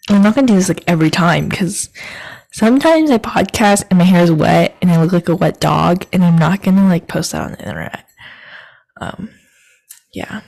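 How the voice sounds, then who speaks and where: A woman's voice: medium pitch, a little mellow. A young woman hosting her own podcast, chatting in a scattered, self-deprecating, giggly way into a microphone. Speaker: podcast host. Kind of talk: rambling solo podcast chat.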